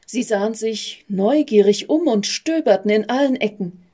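A woman calmly reading a children's story aloud. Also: on the high side, normal speed. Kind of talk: read-aloud storybook narration.

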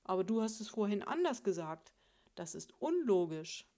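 A woman reading a storybook, voicing an indignant, pompous male sparrow husband who blusters loudly at his wife. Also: medium pitch, measured pace, lightly acted.

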